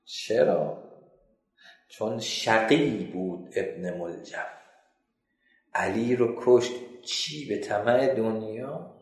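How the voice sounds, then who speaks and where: A male preacher telling a religious story in dramatic style, swinging between hushed and loud. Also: lowish voice, long pauses, reverberant. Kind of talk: sermon storytelling.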